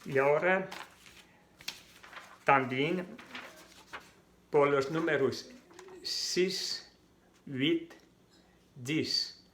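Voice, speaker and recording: Male language tutor, unhurried, drills each word twice, echoey room. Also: a little high, a bit bright, slight background noise. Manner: deliberate, repeats words to model pronunciation. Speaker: French language teacher. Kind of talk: slow language lesson.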